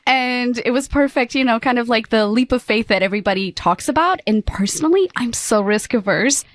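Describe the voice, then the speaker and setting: This chatty woman from Portugal, a native Portuguese speaker, talks a little fast in a fairly high voice on a dry recording. She's an upbeat podcast guest in a casual interview, sprinkling in lots of "like."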